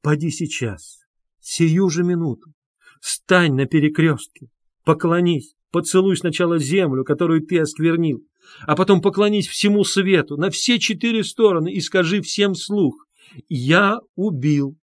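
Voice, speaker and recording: A man's voice: fairly high pitch, measured pace, breathy edge, dry recording, studio quality, pitched above the performer's own voice. A man voicing a desperate young woman who pleads with raised, insistent voice in an audiobook. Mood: pleading. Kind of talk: audiobook character reading.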